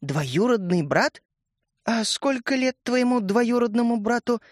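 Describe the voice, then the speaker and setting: An anxious little schoolboy from a storybook, eager and easily flustered, as a man reading the tale puts him on. His voice runs high and the sound is close and dry. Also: big pitch swings, moderate pace, no echo.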